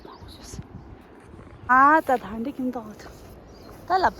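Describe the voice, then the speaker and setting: A woman's voice: high voice, animated, moderate pace, pushed and bright, slight background noise. A young woman vlogger chatting casually on a trip outdoors, exclaiming and laughing often. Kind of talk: casual travel vlog chat.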